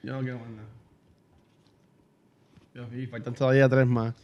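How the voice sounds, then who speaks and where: A man's voice: mid-range voice, flat delivery, moderate pace, darkish tone, muffled recording, a little hiss or hum. A Puerto Rican man at a beer tasting with friends who makes wry, complaining remarks. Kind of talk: casual chat, beer tasting.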